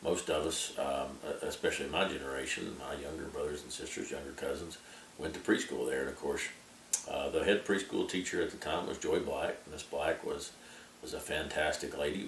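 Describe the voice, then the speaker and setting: A man's voice: extremely low pitch, steady tone, moderate pace. A man casually recalls his childhood, repeating words as he feels his way along. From Appalachian Tennessee, US. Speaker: interviewee sharing memories. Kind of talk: casual oral-history recollection. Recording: echoey room, distant mic, background noise.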